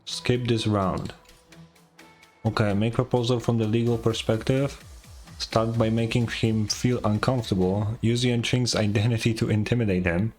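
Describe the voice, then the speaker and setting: A gaming streamer with a lowish, a little mellow voice offers casual reaction commentary while he plays, muttering and thinking aloud with some hesitation. He speaks at normal speed with fairly even intonation, and game music plays behind him.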